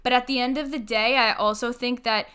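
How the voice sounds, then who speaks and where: A woman's voice: a little high, steady tone, fairly quick, a bit bright, smooth. A young woman in her twenties hosting a solo podcast as a coach, talking candidly in a chatty way with lots of "like" fillers.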